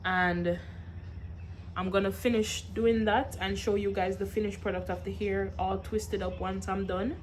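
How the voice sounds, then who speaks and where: A woman's voice: medium pitch, unhurried, slight background noise. Tired young woman venting in a casual vlog. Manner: animated storytelling, frequent laughs and sighs. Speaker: vlogger. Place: at home.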